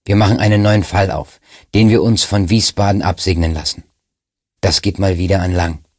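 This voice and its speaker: A commanding police chief lays out the plan in firm, brisk orders, read by a man. His voice is low and husky, and the audiobook sound is dry and close. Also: fairly even intonation, no echo. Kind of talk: audiobook reading.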